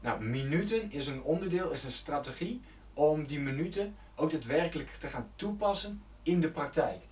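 A man's voice: a little high, lively intonation, normal speed, darkish tone, roomy sound, distant mic. A man coaching his viewers on setting goals, speaking earnestly and loosely, with fillers and self-corrections. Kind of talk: motivational talk to camera.

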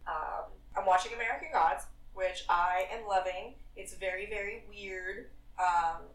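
A woman's voice: medium pitch, a little slow. A woman co-hosting a casual chat, easygoing and drawing out her words. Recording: distant and echoey.

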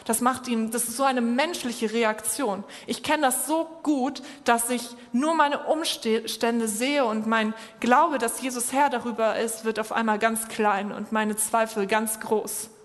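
A woman's voice: fairly high pitch, steady tone, a little slow, hardly any pauses. A woman preaching a sermon and speaking straight to her listeners, urging them on. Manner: direct, encouraging address to listeners. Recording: long hall reverb.

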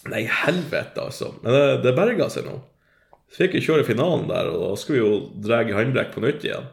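A man's voice: medium pitch, gravelly. A young man telling a story in casual chat, swearing freely, laughing a lot and cramming his talk with fillers. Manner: profane, excitable, laughs often, frequent fillers. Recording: roomy echo.

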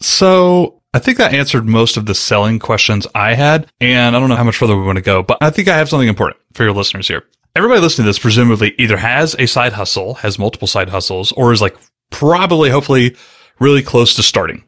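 A man's voice: medium pitch, animated, a bit bright. A man hosting a casual podcast interview, chatty and joking as he asks his questions. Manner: joking, chatty, fast-talking. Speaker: podcast host.

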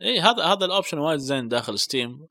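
A man co-hosting a casual gaming podcast, chatting with excited, quick-fire remarks. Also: a little high, no room sound. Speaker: podcast co-host.

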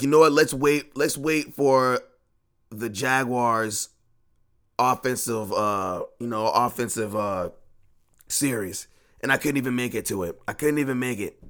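Brief: male podcast host venting, agitated and profane, loops the same phrases, mid-pitched, home podcast room. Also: a bit bright. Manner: agitated, repeats himself, swears freely. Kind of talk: ranting sports talk.

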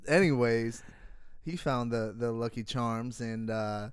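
A man's voice: mid-range voice, takes it slowly, clean tone, no echo, studio quality. A man hosting a podcast, laid-back and easily amused in casual chat. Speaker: podcast host.

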